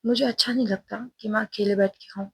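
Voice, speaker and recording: A woman's voice: mid-range voice, steady tone, fast, slightly rough, dry recording. A woman voicing a cheerful, clingy young college student who speaks in a cute, teasing way. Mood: sweet pleading.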